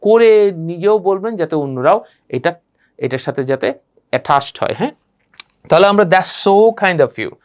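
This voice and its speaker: A man teaching a spoken English class, switching between Bengali and English and modeling phrases with expressive repetition. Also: sits high, clear, resonant tone. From Bangladesh.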